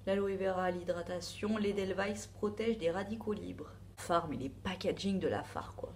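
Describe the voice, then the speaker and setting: A woman's voice: on the low side, moderate pace, slight background noise. A woman with a French accent reviewing a beauty box in a casual, rambling chat full of asides and fillers.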